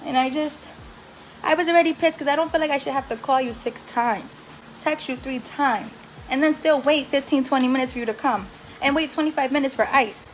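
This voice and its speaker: A woman's voice: sits high, brisk, a little hiss or hum, low-quality recording. Frustrated, blunt woman venting. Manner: blunt, profane, exasperated venting. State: post-surgery, frustrated and aggravated. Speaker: vlogger. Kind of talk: venting to camera. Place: recovery house bedroom.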